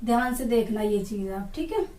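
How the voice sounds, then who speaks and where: A woman teacher giving an exam-prep lesson, asking questions and repeating each term slowly so students say it with her. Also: a little high, animated, dark tone. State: dry throat. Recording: echoey room, far from mic.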